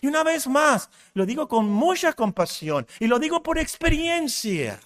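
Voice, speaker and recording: A man's voice: very high-pitched, sing-song, normal speed, a bit bright. A man preaching a sermon with passion, repeating short phrases to drive points home.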